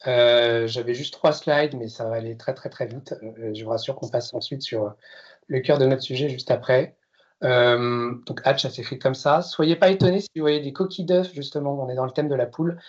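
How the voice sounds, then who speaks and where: A man in his fifties from France talks an audience through his career at an ordinary middle pitch. His delivery is hesitant and full of filler sounds, lightened by self-deprecating humor. The sound is dull and lo-fi. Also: fairly even intonation, normal speed. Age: 50s. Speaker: consultant giving a masterclass talk. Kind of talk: presentation to an audience.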